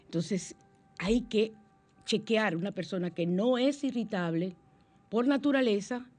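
A woman's voice: medium pitch, measured pace, a little mellow, soft background music. A middle-aged woman, a psychologist hosting a conversational radio show, who acts out quoted dialogue in a raised voice. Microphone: studio microphone.

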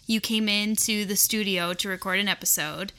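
A woman's voice: medium pitch, steady tone, moderate pace, sharp tone. A woman hosting a podcast from her living room, chatting in a bubbly, giggly, rambling way. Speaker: podcast host. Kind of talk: casual chat.

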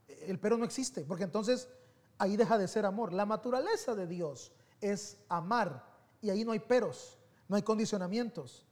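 High-voiced man preaching a lively sermon. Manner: animated, conversational storytelling with shifts between soft and loud. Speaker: pastor.

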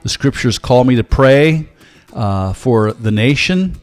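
An older American man hosting a program, teaching in an earnest, measured way with frequent pauses. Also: medium pitch, animated, no echo, faint music behind. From United States. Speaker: host, Bible teacher. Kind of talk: teaching monologue with personal story.

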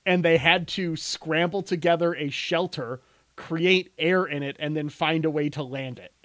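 A man's voice: on the high side, moderate pace, a bit bright, no room sound. A man co-hosting a podcast who also runs tabletop games, chatting casually and telling stories playfully. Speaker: podcast co-host, game master. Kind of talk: casual chat.

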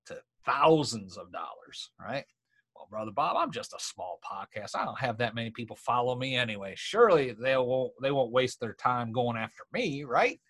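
A man's voice: medium pitch, fairly bright tone. A man hosting his own podcast, teaching in an emphatic style full of rhetorical questions. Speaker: podcast host and podcast coach. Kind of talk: teaching monologue.

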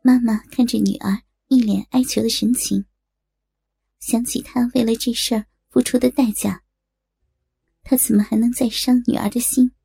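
A woman narrating a serialized story in a steady, dramatic storytelling manner. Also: fairly high pitch, moderate pace, gravelly, slightly rough, no echo, clean studio sound.

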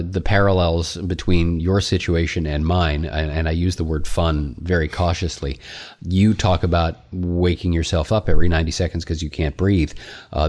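A man's voice: sits low, darkish tone. A man hosting a podcast, asking curious and wry questions in a casual interview. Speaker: podcast host.

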